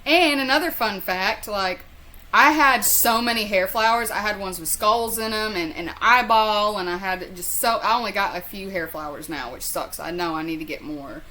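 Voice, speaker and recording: A woman with a Southern US accent and a bright, medium-pitched voice. She tells stories in a loose, rambling way, like casual vlog chat. Her talk is salty and self-deprecating. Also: normal speed, a little hiss or hum. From southern US, North Carolina. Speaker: storyteller vlogger. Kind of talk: casual chat, personal storytelling.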